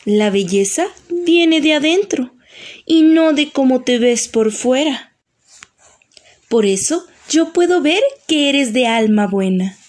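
A woman doing a sweet, high-voiced fairy. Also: expressive, takes it slowly, darkish tone. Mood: tender. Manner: sweet, tender and encouraging. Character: kind beautiful glowing female fairy.

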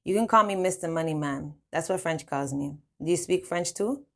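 A woman voicing a flirty, wealthy male gambler who jokes and flatters. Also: lowish voice, normal speed. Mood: flirting. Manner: jokey, flattering.

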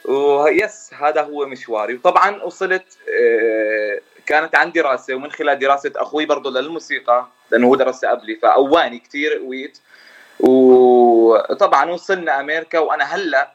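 A man's voice: mid-range voice, quick pace, fairly bright tone, dull audio. A young man with a Jordanian Arabic accent, speaking casually as a singer interviewed on a show. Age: young adult. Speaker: guest singer and musician.

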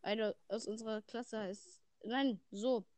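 Giggly teenage girl, high and unhurried. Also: fairly even intonation, a little mellow, no room sound. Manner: giggly, playful. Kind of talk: casual chat game.

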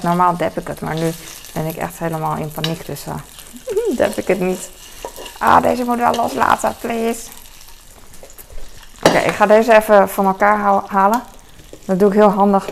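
This home cooking vlog features a woman with a gravelly, mid-range voice chatting casually, rambling and poking fun at herself with frequent fillers. A pan sizzles and fries in her kitchen, making the recording noisy.

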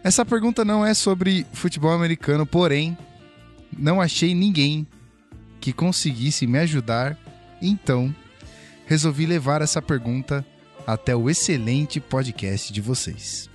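Jokey Brazilian podcast host over music. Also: male voice, on the high side, measured pace. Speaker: podcast host reading listener questions. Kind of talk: casual chat.

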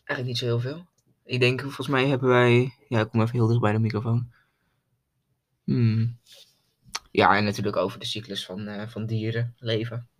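A man's voice: medium pitch, level tone, normal speed, pauses often. A young man in a loose, slangy casual chat as podcast co-host, often repeating himself.

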